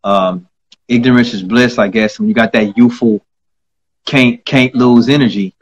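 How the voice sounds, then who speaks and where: A man's voice: mid-range voice, steady tone, lo-fi sound. Reflective male host on a video call. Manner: reflective, drawn-out speech with many fillers. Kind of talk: casual interview chat.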